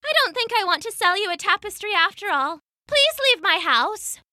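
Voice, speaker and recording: A woman's voice: very high voice, very animated, moderate pace, pushed and bright, dry recording, clean studio sound, pitched above the performer's own voice, full character voice. A woman voicing a proud, defiant young female weaver who talks back boldly and scornfully.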